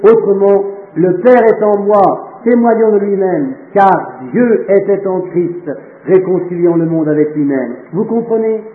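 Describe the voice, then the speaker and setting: A man preaching a sermon, fervent and slowing down to stress phrases, reading scripture aloud between remarks. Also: sits high. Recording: echoey, tinny phone-like audio.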